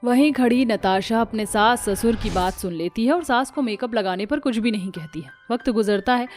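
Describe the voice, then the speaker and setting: A woman telling a cartoon family story as narrator, steady and plain. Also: on the high side.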